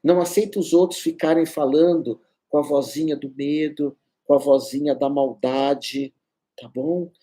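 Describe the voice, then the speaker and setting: Middle-aged São man, holistic teacher; dark, mellow, slightly raised voice; emphatic repetition. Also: a little high, steady tone, moderate pace. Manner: emphatic, repeats key phrases. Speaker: astrologer and holistic therapist. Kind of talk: spiritual self-help talk.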